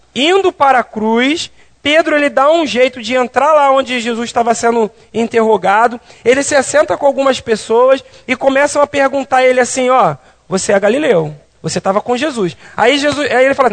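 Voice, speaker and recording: Guy teaching bible class, really high voice, chatty, keeps asking the class stuff. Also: fairly bright tone. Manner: conversational, asks the class questions.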